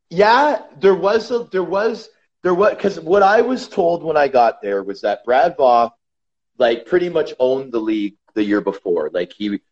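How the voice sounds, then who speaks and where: Guy chatting as a podcast guest, calls people brother, kinda muffled audio. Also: fairly high pitch. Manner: animated, calls the host brother. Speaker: podcast guest, ice hockey enforcer. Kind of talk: casual interview storytelling. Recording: slightly dull lo-fi sound.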